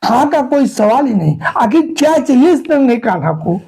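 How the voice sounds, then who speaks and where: A man's voice: extremely high pitch, very animated, moderate pace, creaky, a little mellow, husky, poor audio. A man preaching a devotional sermon, retelling a sacred story dramatically with many repetitions.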